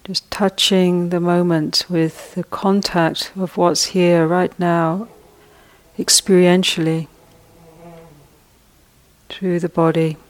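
Leading a guided meditation, a female teacher offers gentle, soft-spoken instructions separated by long pauses. She speaks in a low-leaning voice with an even tone.

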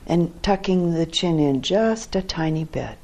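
With a lowish voice, a woman leads a guided meditation calmly and with measure, speaking in short phrases separated by long pauses.

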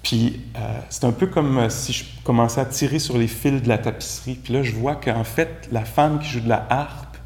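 A man's voice: medium pitch, darkish tone. Casual Quebec-accented man teaching Buddhism. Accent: Quebec French. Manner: casual, conversational, many "tu sais" fillers. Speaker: meditation teacher. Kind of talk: dharma talk. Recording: echoey room, faint background noise.

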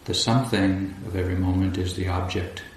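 In a big retreat hall full of echo, a man guides meditation as the teacher. His voice sits low, and he delivers short, calm, deliberate phrases with long silences between them. Faint background noise accompanies the roomy sound.

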